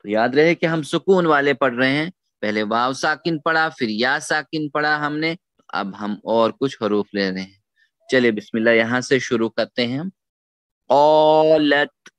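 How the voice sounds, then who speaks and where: A man teaching Quran recitation rules, repeating letters and words slowly for his students to echo. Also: medium pitch, a bit bright. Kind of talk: tajweed lesson with call-and-repeat drills.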